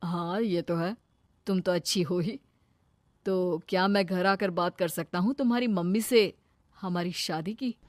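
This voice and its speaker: A woman voicing an earnest young man in a cartoon, speaking softly and mildly. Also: lowish voice, measured pace, very noisy, natural voice. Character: young man Abhi, earnest son and suitor. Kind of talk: cartoon voice acting.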